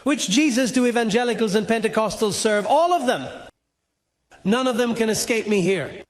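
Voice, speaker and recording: High-voiced man preaching emphatically. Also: lively intonation, moderate pace. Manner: emphatic, fires rhetorical questions at the congregation. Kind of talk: sermon. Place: church conference hall.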